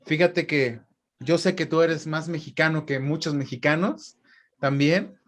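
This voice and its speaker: Man, interviewer, slightly high voice, conversational, halting. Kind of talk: interview questions.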